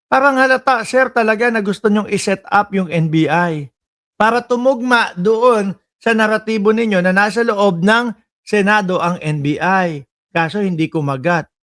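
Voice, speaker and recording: A Filipino man giving casual political commentary in an animated, mocking way. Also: high voice, normal speed. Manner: animated, mocking, shifts loud and soft.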